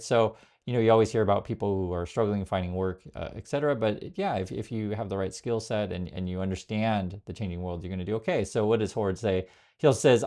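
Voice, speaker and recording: A Vietnam-born man hosts a casual political commentary channel, talking straight to camera, rambling with lots of fillers and reading viewer comments aloud. His voice is lowish and a little mellow.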